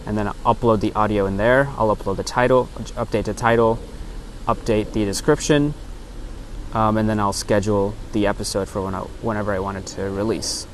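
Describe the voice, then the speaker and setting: Low-voiced man podcasting in an open field. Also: fairly even intonation, fairly quick, poor audio. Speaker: podcast host and vlogger. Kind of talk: casual solo explanation, step by step. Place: outdoors in an open park. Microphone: lapel lavalier into a phone. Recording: outdoor park recording with clear background noise.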